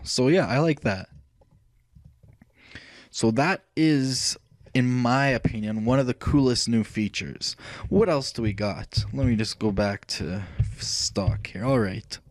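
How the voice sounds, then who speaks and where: A man hosting a software tutorial, thinking aloud as he clicks through features, rambling with fillers and self-corrections. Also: fairly low pitch, no echo. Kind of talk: casual screen-recorded software walkthrough.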